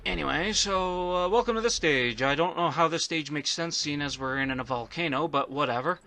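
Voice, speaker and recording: A man's voice: on the high side, moderate pace, sharp tone, soft background music. A man giving casual let's play commentary, rambling and often stuttering on the first syllables of words.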